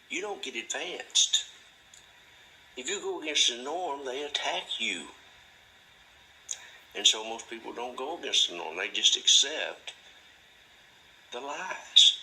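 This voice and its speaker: A man hosting a monologue, talking slowly and deliberately in a drawling, folksy way. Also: sharp tone, a little hiss or hum, poor audio. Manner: drawling, folksy, mimics a delighted parent in a high voice; slow, deliberate delivery. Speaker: host. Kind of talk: monologue to camera.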